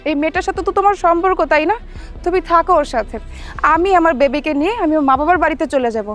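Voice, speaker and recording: High-pitched woman scolding, music behind. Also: very fast, a bit bright. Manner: reproachful, lecturing. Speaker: actor playing a betrayed wife. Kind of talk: short film drama acting.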